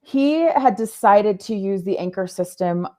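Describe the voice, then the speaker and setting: Animated and warm, this woman speaks at a medium pitch. Appearing as a podcast guest, she tells a personal story in earnest, pausing often to find the right words and rephrase.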